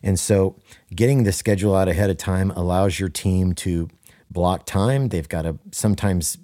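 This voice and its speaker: A man co-hosting a casual podcast conversation as a worship leader, earnest and emphatic, repeating key phrases for stress, with the odd deadpan joke. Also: low-pitched, normal speed, no room sound, clean studio sound.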